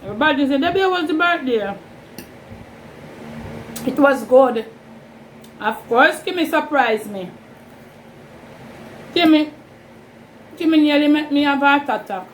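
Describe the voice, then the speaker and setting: Jamaican lady doing casual mukbang chat, kinda high voice, rambly and informal, bit of fan noise. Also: poor audio. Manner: unhurried, informal Creole-inflected phrasing, rambling. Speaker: vlogger hosting an eating show. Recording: steady fan noise in background. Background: whirring fan.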